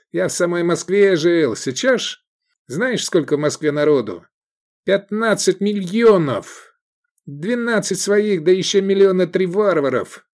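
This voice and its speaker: A man voicing a brash, boastful young male gladiator in an audiobook, mocking and loud. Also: high voice, voice pushed up.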